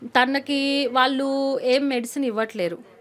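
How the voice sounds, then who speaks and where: A woman's voice: high voice, fairly even intonation, measured pace, fairly bright tone. A woman speaking as an interview guest, indignant and quoting others as she argues. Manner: indignant, quotes others mockingly. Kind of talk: heated interview talk.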